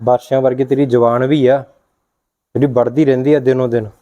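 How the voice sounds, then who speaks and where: A man plays a stern husband, scolding in a steady, reproachful way. His voice is mellow and dark, at an ordinary pitch for a man. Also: a little fast, highs cut off, natural voice. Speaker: husband and brother.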